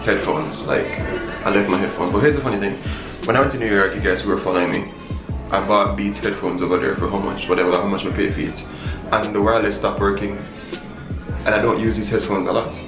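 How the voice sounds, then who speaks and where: A man's voice: lowish voice, steady tone, fast talker, music in the background. Echoey Caribbean man vlogging in a locker room. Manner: slangy, conversational. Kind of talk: casual vlog chat to viewers.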